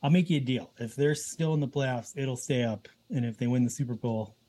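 A man in his thirties, a guest on a podcast, talking in a relaxed way and laughing easily. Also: medium pitch, fairly quick. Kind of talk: casual conversation.

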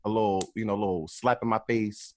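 A man's voice: lowish voice, steady tone, quick pace. Stammering, candid young man on a podcast. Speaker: podcast co-host. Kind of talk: casual chat.

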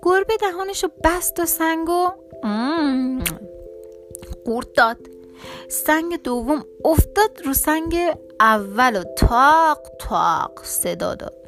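A woman reading a children's storybook aloud in a lively, expressive way. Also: high-pitched, soft background music.

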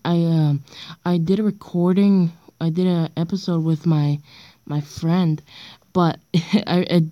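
A child or young teen around sixth grade, congested from being sick, hosts her own amateur podcast, rambling with hesitation and self-deprecation. She uses a handheld voice recorder on her bedroom floor late at night. The female voice is lowish and dark, the recording muffled with no echo.

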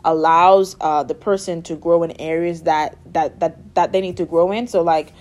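A young woman from the Bahamas, guesting in a casual interview, has a low, darkish voice with fairly even intonation at a normal speed. She studies music therapy and is bubbly, laughing frequently and filling pauses with fillers.

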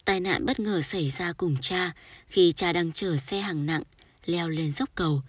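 A woman reading a sorrowful short story aloud in a soft, storytelling manner. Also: on the low side, a little slow, husky, dry recording. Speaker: audiobook narrator. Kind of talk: scripted literary narration.

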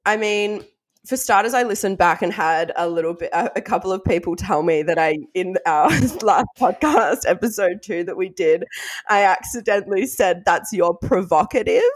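Casting: female podcast co-host, Australian accent, slangy and self-mocking, swears freely, mid-range pitch, close dry sound. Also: normal speed, dry recording. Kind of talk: casual chat.

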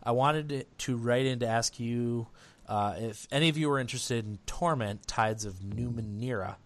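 A man's voice: mid-range voice, moderate pace, slight background noise. A man co-hosting a podcast, reading a listener's letter aloud over a remote call whose audio keeps cutting out in dropouts. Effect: online call audio cutting out in dropouts. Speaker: podcast co-host. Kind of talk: casual podcast chat, reading listener mail.

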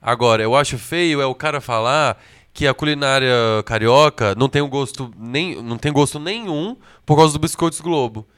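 A man's voice: medium pitch, moderate pace, a bit bright, smooth. A Brazilian man on a talk panel, emphatic and opinionated in casual debate.

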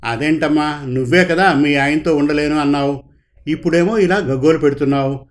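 Man reading as a calm male judge, wise and measured, unhurried delivery, slightly higher pitch, storybook reading. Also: natural voice.

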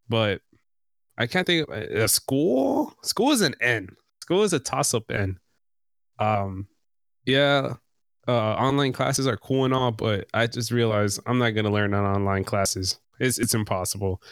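A man's voice: lowish voice, fairly bright tone, clean tone, no room sound. Young man hosting, very dry sound. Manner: slangy, loose. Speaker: host of a casual podcast. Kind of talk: casual group discussion.

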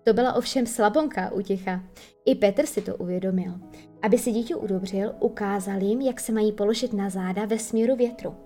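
A woman reading a children's story aloud with expressive storytelling. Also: medium pitch, soft background music. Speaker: narrator.

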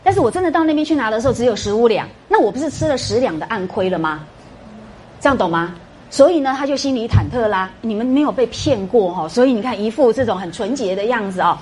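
A woman's voice: on the high side, animated, fast, a little mellow, a little hiss or hum. A middle-aged woman giving a classroom lecture, quizzing her students with rhetorical questions and tag particles. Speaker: university lecturer.

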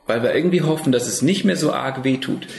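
A man giving a spiritual talk to a live group, acting out inner voices in an animated way and often restarting his sentences. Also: medium pitch, fast, gravelly, a crowd in the background. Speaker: speaker. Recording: roomy echo.

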